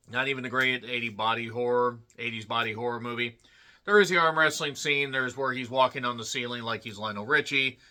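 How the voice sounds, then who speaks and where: Male reviewer, thirties, bright and sharp, loose jokey delivery full of wordplay. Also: mid-range voice. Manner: jokey, rambling asides with wordplay and self-mockery. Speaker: film reviewer. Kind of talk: casual solo movie review.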